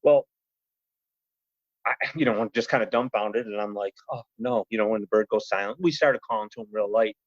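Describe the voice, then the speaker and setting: A man telling a story on a podcast in a rambling, animated way, full of "you know" and "he goes". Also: lowish voice, fairly quick, dry recording. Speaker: podcast guest. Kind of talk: casual storytelling. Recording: slightly muffled podcast audio.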